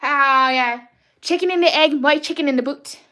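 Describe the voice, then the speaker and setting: A woman with a high, youthful voice hosts a live art stream and chats casually while she draws. Her delivery is playful and childlike, with lots of false starts and restarts. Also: normal speed, sharp tone. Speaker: livestream artist host. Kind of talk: casual livestream chat while drawing.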